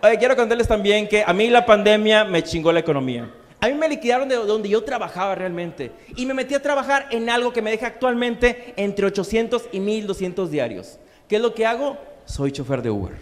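A man's voice: high voice, animated, a little fast. A man doing a crude, slang-heavy stand-up comedy set on stage in a comedy bar. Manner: crude, slangy punchlines with acted-out quotes. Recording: live club with long reverb.

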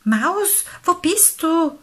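A woman voicing an honest, kind beaver in a children's storybook, talking gently and earnestly. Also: mid-range voice, sing-song, measured pace, slightly rough.

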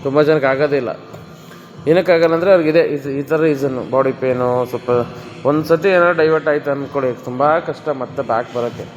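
A man's voice: on the high side, quick pace, dull audio. A man coaching a client through a gym workout, counting reps and coaxing her on. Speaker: gym trainer. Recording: echoey room with music behind.

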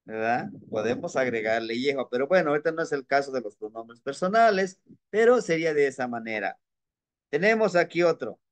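Brisk and lively in intonation, this medium-pitched language teacher lectures an online class on a dry recording. He patiently repeats words and keeps checking in with "¿no?".

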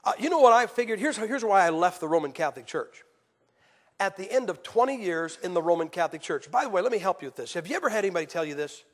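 A man preaching a sermon, telling stories with acted quotes and swinging from loud to hushed. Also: high-pitched, animated, fast. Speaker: evangelist preacher. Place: church. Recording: hall reverb.

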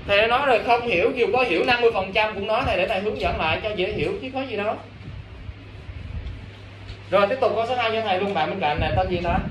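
An English teacher with a high, somewhat bright voice talks very fast, coaxing his class and asking over and over whether they understand. The recording is roomy and distant, with classroom noise.

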